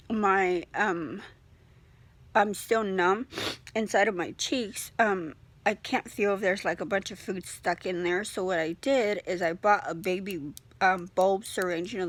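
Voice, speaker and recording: Young adult woman, casual vlogger, medium pitch, slightly restricted articulation as if talking with a sore jaw. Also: measured pace. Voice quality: slightly impeded speech from a sore, stiff jaw that barely opens. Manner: talks with a sore jaw, mouth held fairly closed. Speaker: vlogger giving a surgery recovery update. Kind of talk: casual video diary chat.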